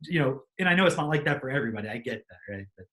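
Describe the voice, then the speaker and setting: A man's voice: mid-range voice, expressive, rapid-fire, a bit bright. A man co-hosting a live stream over a video call, explaining casually and often checking that others agree. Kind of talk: casual chat.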